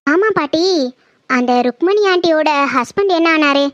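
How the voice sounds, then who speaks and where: A woman's voice: high-pitched, lively intonation, normal speed, dry recording, muffled recording. A woman voicing a kind, curious young woman in a cartoon, talking earnestly. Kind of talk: cartoon voice acting.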